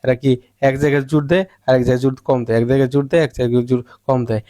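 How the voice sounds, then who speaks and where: A man with a Bengali accent teaching English pronunciation, drawing out and repeating each word slowly. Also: medium pitch, fairly even intonation, warm tone. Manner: slow, drawn-out repetition of words to model pronunciation. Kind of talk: spoken pronunciation lesson.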